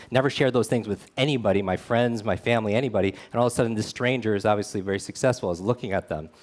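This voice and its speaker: A man delivers a motivational talk built around a personal story. His voice sits at an ordinary middle pitch. He speaks earnestly and keeps turning to the audience with quick questions. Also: a little mellow. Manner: earnest, speaks straight to the audience with frequent "right?". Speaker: speaker at a meetup.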